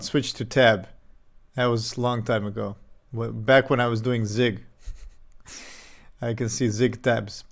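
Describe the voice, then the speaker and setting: Slow-talking Serbian man streaming. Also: mid-range voice. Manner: halting, many fillers and restarts. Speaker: game dev streamer. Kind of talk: casual live-stream chat. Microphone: desk microphone.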